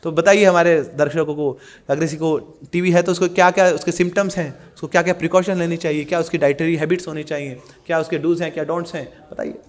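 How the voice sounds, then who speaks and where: A middle-aged man from India teaching a scripture class in Hindi. He chants verses slowly and tells stories with lively acted-out voices for the people in them. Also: a little high. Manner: animated storytelling, acts out quoted characters. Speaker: Gita teacher.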